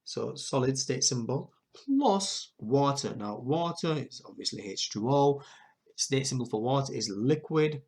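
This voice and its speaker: A man's voice: medium pitch, expressive, unhurried, darkish tone, husky. A male chemistry teacher talking methodically through exam questions, correcting himself as he goes. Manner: methodical, self-correcting explanations.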